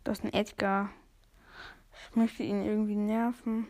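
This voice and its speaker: A woman's voice: mid-range voice, flat delivery, measured pace, a little mellow. A woman giving casual, chatty let's play commentary, thinking aloud in slangy language as the game goes. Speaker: gamer commentating own play.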